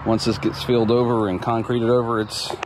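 Walking the outdoor building site of his future home, a man talks briskly through the plumbing in a relaxed, plain-spoken style with plenty of ums. His voice is medium in pitch. The phone he films with while walking captures clear background noise.

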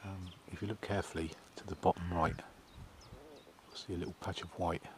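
A man's voice: low voice, moderate pace, a little mellow, slight background noise. A middle-aged man with an English accent, chatting plainly as he vlogs his wildlife photography outdoors in a field, camera held at arm's length. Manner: plain, chatty, matter-of-fact. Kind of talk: casual outdoor vlog narration.

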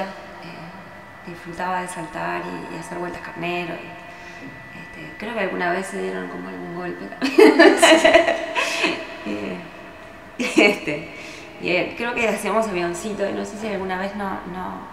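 A woman's voice: lowish voice, creaky. A woman speaking in a documentary interview, hesitant and full of fillers. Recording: roomy clip played in a hall, noisy.

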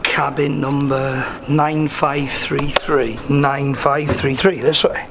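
A man's voice: medium pitch, level tone, slow, vocal fry, heavy background noise. A young Welsh man from the UK filming a casual travel vlog, chatty and upbeat, talking to a handheld camera on a cruise ship. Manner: chatty, upbeat, thinking aloud while walking. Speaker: travel vlogger. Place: cruise ship decks, cabins and bar. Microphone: handheld camera at arm's length.

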